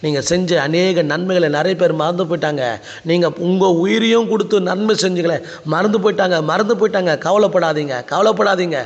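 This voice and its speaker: A pastor with a higher-than-usual male voice and a gravelly edge preaches and prays. He repeats his lines in pleading exhortation. The sound is dull and trails off in a long reverb. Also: steady tone, brisk. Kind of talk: sermon and prayer.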